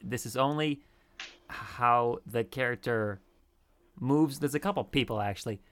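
Male podcast co-host, bright forceful tone, easygoing chat with bursts of animation. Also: medium pitch, a little slow, clear, resonant tone. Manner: animated, laughing, acts out quoted lines. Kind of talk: casual chat.

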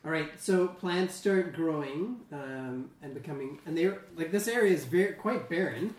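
A game master narrating a tabletop game in a relaxed, chatty way with many fillers. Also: medium pitch, normal speed. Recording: noisy home recording.

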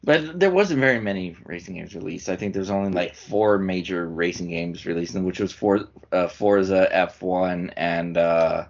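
Low-voiced man hosting a casual chat. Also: normal speed, hardly any pauses, muffled recording. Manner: casual, leads through award categories. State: losing his voice. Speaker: podcast host.

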